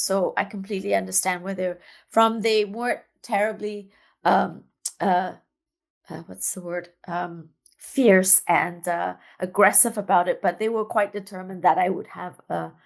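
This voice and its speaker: A middle-aged dance artist from Singapore joins a casual interview as a guest over a remote call, chatting easily, laughing often and restarting her sentences. Her pitch sits at an ordinary middle height for a woman, with fairly even intonation. She speaks unhurriedly, with some vocal fry.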